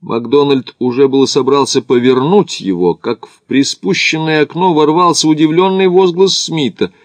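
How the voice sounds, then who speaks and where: A man narrating an audiobook in a measured literary reading. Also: on the high side, no echo.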